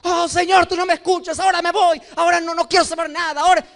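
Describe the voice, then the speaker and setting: A man's voice: very high voice, flat delivery, fast talker, gravelly, fairly bright tone, pitched above the performer's own voice, heavily acted. A man preaching, putting on the voice of an impatient, whiny believer who pleads and pouts at God. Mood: petulant. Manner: pleading, petulant, raised voice.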